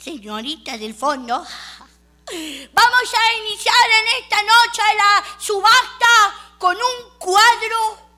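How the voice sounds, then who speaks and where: A woman voicing a pompous male auctioneer who speaks slowly and grandly. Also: very high-pitched, expressive, sharp tone, voice pushed up, heavily acted. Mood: grandiose. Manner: slow and grandiose.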